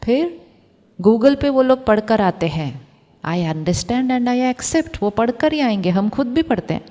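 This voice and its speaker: A woman giving a calm, reflective spiritual talk to an audience of doctors, asking them questions and mixing in English phrases. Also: on the high side, takes it slowly, in a large hall. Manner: mixes Hindi with English phrases. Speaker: spiritual teacher.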